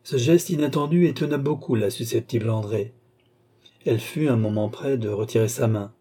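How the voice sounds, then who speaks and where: Male audiobook narrator, mellow and husky, measured classic-novel reading. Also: mid-range voice.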